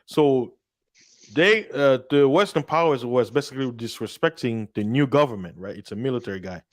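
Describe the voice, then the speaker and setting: Animated man telling a story, dry sound. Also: medium pitch, normal speed, no echo. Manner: animated storytelling, acting out quoted voices. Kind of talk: casual political discussion.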